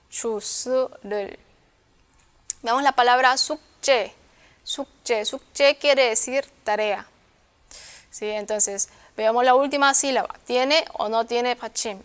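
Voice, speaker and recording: A woman's voice: fairly high pitch, measured pace. A woman teaching a language class, explaining patiently and checking in with her students. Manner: patient, repeats words and checks understanding with "¿sí?".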